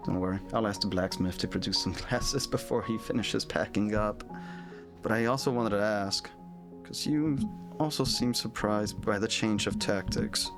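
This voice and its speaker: A man's voice: lowish voice, moderate pace. A man playing a tabletop game in character, defiant and sarcastic, often laughing. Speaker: player. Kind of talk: in-character tabletop role-play. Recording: music playing behind.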